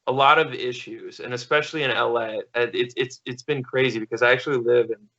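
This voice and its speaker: An American man in his thirties from small-town Missouri tells stories as a podcast guest, speaking casually and rambling. He's a stuntman and actor, joining by video call from his living room at home. His mid-range voice is sharp, fairly quick, and fairly even in intonation, and the call audio sounds slightly dull.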